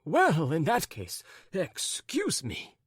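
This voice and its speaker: A man performs a full character voice as a flustered middle-aged storybook gentleman, pitched high with huge swoops up and down at a slow pace. The character is wordy, apologetic and nervous, constantly stumbling and correcting himself in an agitated, muddled way. The studio-quality recording is dry.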